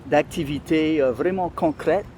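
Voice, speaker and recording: A man's voice: on the high side, unhurried, darkish tone. Louisiana French-accented man, noisy outdoor background. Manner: hesitant, searching for words. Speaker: interview guest. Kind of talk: conversational interview.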